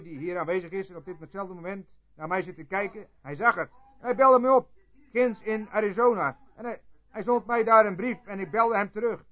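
A man preaching a sermon and telling a story, swinging between loud outbursts and hushed asides. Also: high voice. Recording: dull lo-fi tape recording.

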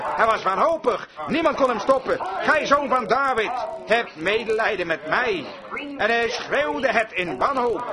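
A man preaching a sermon to a congregation in a church, telling stories fervently and emphatically. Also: extremely high pitch. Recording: congregation audible behind.

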